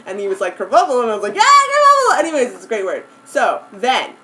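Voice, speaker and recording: Sitting indoors with friends, a young woman vlogger rambles on camera to a friend about a dream she had, giggly and easily distracted, constantly using "like" and "anyways." She talks fast in a medium-pitched voice, and the poor audio carries a little hiss or hum.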